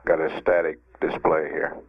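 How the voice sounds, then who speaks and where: Deep, even American announcer, phone-like sound. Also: male voice, moderate pace, vocal fry, husky, dry recording. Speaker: mission control public affairs announcer. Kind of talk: measured status announcements. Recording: dry, phone-like archival 1960s broadcast feed.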